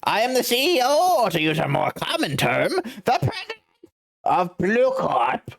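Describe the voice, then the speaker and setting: A woman's voice: a little high, wildly swooping pitch, gravelly, heavily acted. A woman doing a pompous blustering company boss. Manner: grandiose, pompous, drawn-out words. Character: pompous self-important male company boss. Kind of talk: live-streamed game script read-aloud.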